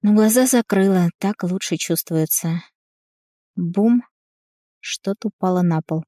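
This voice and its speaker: A woman's voice: medium pitch, measured pace, dark tone, no echo, clean studio sound. A woman narrating a novel in the first person in a wry, confiding way. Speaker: audiobook narrator.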